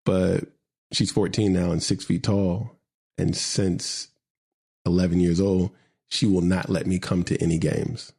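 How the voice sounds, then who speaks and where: Middle-aged guy hosting a podcast, lowish voice, tells stories with lots of punch. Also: a little slow, vocal fry, slightly rough. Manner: animated, emphatic storyteller. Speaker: podcast host. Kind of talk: conversational storytelling and poetry reading.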